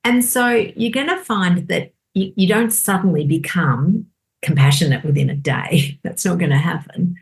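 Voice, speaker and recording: Gravelly-voiced woman explaining. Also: lowish voice, normal speed. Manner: animated, acts out inner voices. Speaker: doctor guest. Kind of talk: casual podcast conversation.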